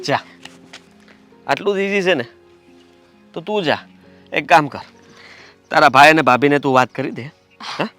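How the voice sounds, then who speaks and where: Timid young lover, high voice, dry close sound, hesitant and pleading. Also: male voice, lively intonation, measured pace, long pauses, a bit bright, no room sound, faint music behind. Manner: hesitant, pleading, then rambling. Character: nervous young man afraid of his elder brother. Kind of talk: film dialogue.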